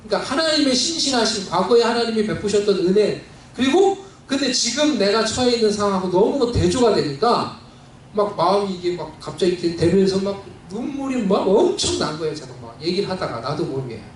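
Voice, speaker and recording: A man's voice: sits high, animated, fairly quick, a little hiss or hum. A male pastor preaching a sermon, telling a personal story in a heartfelt, conversational way with many fillers. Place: church sanctuary. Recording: very echoey church hall, mic at a distance.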